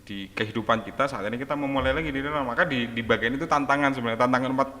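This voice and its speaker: A middle-aged man talking casually about a book, reflective and hesitant, often pausing with fillers. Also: medium pitch, pushed and bright, long reverb tail.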